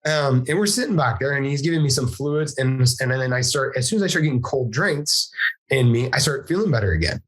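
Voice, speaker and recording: Husky-voiced man telling a story. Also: medium pitch, a little fast, low-quality recording. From Southwest Washington, USA. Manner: animated storyteller acting out quoted dialogue, frequent restarts. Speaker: podcast guest. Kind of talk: casual storytelling interview.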